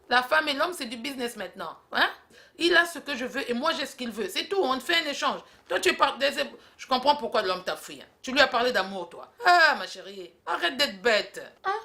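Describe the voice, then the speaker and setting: Young woman, higher voice, teasing, laughs often, comic dialogue. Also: fairly bright tone.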